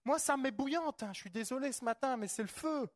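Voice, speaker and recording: Male preacher, high voice, fervent, repeats himself and quizzes the congregation; dry close sound. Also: brisk, no echo. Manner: fervent, repetitive, asks the congregation rhetorical questions. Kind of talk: charismatic church sermon.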